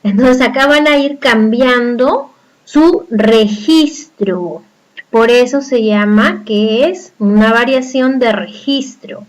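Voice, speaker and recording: A woman's voice: fairly high pitch, rough recording. A woman from Peru with a Peruvian accent, teaching a recorded class and explaining step by step with frequent rhetorical questions to the students. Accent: Peruvian Spanish.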